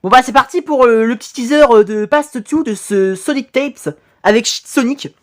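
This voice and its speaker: A woman talking as an excited anime fan in a casual, sweary reaction commentary, gushing with slangy exclamations. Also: a little high, moderate pace. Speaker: reaction video host.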